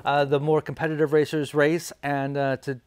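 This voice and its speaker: A man chats casually to camera as a maker-channel host. He fills his sentences with ums and uhs, and his voice sits a little high. The recording is close and dry in an indoor studio. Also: flat delivery, moderate pace, smooth, no echo. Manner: chatty, many fillers, standing and gesturing. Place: indoor studio with colored backdrop.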